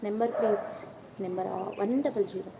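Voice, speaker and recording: A woman's voice: mid-range voice, steady tone, a little fast. Chatty woman live-streaming over background noise. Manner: chatty, greets viewers and reads their comments aloud, playful teasing. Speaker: vlogger hosting a live stream. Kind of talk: casual live-stream chat.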